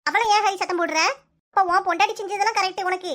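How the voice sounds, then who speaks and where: A bossy, sharp-tongued cartoon mother-in-law, voiced by a woman, with a Kanyakumari accent. Her voice sits extremely high and bright, and the scolding comes out in a fast, relentless stream. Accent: Kanyakumari Tamil. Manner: scolding, rapid-fire nagging. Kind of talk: comic cartoon voice acting.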